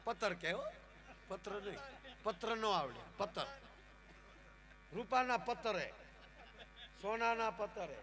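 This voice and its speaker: High, bright-voiced Gujarati male comedian. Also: unhurried, pauses often. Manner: animated, acts out characters in raised voices. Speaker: folk comedian. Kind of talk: live stage storytelling with jokes. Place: live outdoor folk program.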